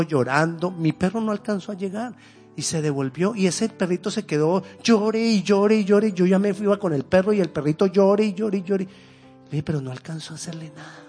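A man preaching a sermon, moving between loud fervent rises and hushed, intimate lows, sometimes slipping into a conversational story. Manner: tells a homely story in a conversational way.

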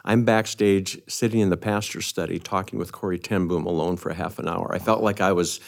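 Older guy pastor, really low voice, telling a story on a podcast, pokes fun at himself. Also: fairly even intonation, brisk, creaky.

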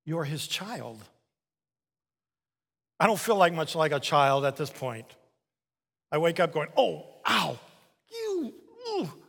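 Animated male pastor preaching in a reverberant hall. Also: on the high side, takes it slowly, pauses often. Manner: animated, acts out little dialogues, repeats for emphasis. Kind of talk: sermon. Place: church sanctuary. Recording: long reverb of a large hall.

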